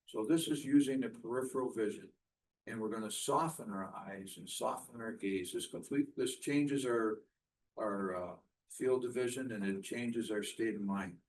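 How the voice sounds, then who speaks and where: A man instructing a qigong class, giving measured step-by-step movement cues in short, spaced phrases. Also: lowish voice, a little mellow, a little hiss or hum, rough recording.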